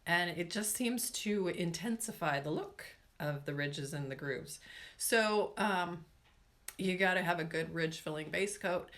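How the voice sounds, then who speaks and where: A woman's voice: fairly low pitch, a little slow, a bit bright. Chatty, rambling middle-aged woman explaining. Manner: chatty, rambling, self-interrupting with fillers and asides. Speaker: nail care educator. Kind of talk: casual explanatory talk.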